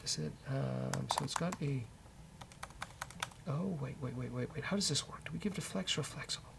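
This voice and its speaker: A British man with a mid-range, slightly fried voice hosts a casual live coding show, talking fairly quickly and joking as he thinks aloud. Keyboard clatter, typing and mouse clicks fill the background.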